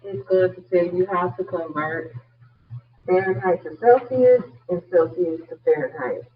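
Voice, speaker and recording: A man's voice: sits high, normal speed, slightly rough. A man giving an online class lecture as a nursing instructor. He explains step by step and jokes lightly now and then. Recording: tinny phone-like audio.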